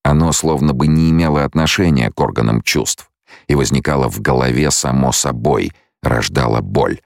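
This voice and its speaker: A man narrating an audiobook in an even, measured storytelling manner. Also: rumbling low, vocal fry, dry recording, clean studio sound.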